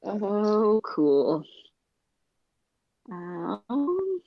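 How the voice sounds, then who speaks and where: A woman's voice: mid-range voice, sing-song, drawn-out words, no room sound. A woman chatting casually as a player in a tabletop game, on a slightly lo-fi track.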